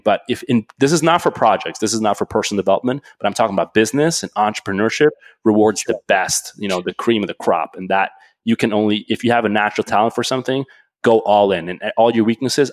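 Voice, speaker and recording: Man, from Switzerland, podcast guest, low voice, dry close sound, chatty with lots of fillers. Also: dry recording. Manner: animated storytelling, frequent "like" and restarts. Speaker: guest entrepreneur. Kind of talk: casual podcast interview.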